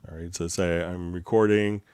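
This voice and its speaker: Man, low magnetic deep voice, smooth and resonant, slight cold, casual tutorial host, halting delivery. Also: flat delivery, darkish tone, no echo, studio quality. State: getting over a slight cold. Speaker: livestream host answering software questions. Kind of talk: casual tutorial livestream talk. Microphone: close microphone straight into mixer.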